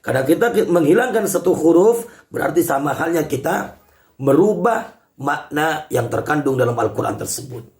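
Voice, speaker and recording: A man's voice: fairly high pitch, animated, normal speed, a little mellow. A man teaching Quran recitation rules in an online lesson, patiently explaining each point step by step. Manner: addresses listeners as congregation.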